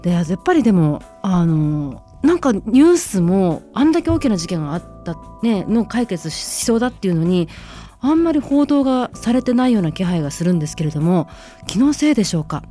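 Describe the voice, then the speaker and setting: A woman's voice: mid-range voice, very animated, brisk, mellow. A woman hosting a talk radio show, giving casual news commentary in sarcastic, outspoken rants. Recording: faint music underneath.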